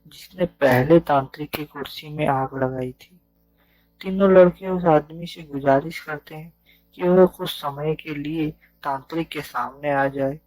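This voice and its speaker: A man's voice: on the high side, a little mellow, no echo, poor audio. A man narrating a village ghost story as a storyteller.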